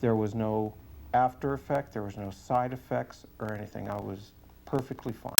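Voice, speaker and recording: A man speaking as a police sergeant giving a testimonial in an interview, earnest, deliberate and matter-of-fact. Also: lowish voice, fairly even intonation, creaky, background noise.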